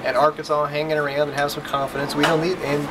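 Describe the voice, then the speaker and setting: A man breaking down a football matchup in casual, measured talk. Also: a little high, monotone. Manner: measured, analytical, with fillers. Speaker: football podcast co-host. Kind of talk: casual sports analysis. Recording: live show with crowd behind. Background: crowd noise.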